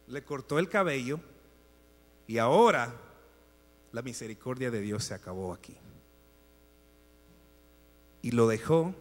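Man preaching in a reverberant hall. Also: mid-range voice. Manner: emphatic, swings between loud exhortation and hushed asides. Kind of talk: sermon. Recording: long reverb with mains hum.

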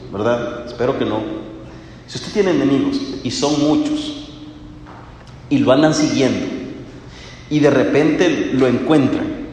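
A man preaching a sermon, asking the listeners rhetorical questions and swinging between loud and hushed. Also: medium pitch, slight background noise. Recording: echoey hall.

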